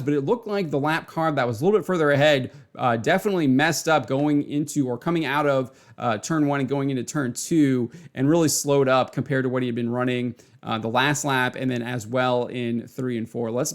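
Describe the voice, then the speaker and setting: A man hosting a casual race recap video. He talks excitably, chuckles often and repeats words. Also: medium pitch, brisk, hardly any pauses. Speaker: racing video host.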